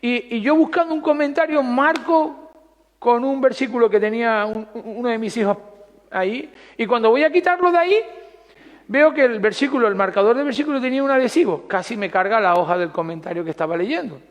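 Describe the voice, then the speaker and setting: A man's voice: extremely high pitch, fairly quick, long reverb tail, highs cut off. A man preaching a sermon, conversational and putting questions to the congregation.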